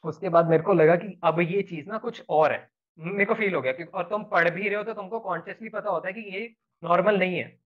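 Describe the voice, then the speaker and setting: A man's voice: high voice, a little fast. A man telling a personal story in an earnest, rambling, casual way, slipping in English words. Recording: tinny phone-like sound.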